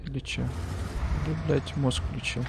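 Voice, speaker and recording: A man's voice: medium pitch, level tone, moderate pace, background noise. A man doing casual gameplay commentary in a slangy, jokey way with heavy swearing. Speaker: gaming video maker.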